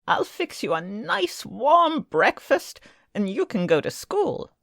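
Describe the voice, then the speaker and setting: A woman's voice: on the high side, very animated, slow pace, creaky, fairly bright tone, dry recording, studio quality, exaggerated voice. A woman voicing a doting, fussy elderly aunt in a comic book dub, with a motherly, fussing manner. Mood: fussy, caring.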